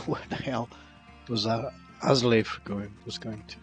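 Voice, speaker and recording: A man's voice: medium pitch, fairly even intonation, a little slow, soft background music. A man streaming a game, chatting casually and reading the game's text aloud. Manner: casual, musing, reads dialogue aloud.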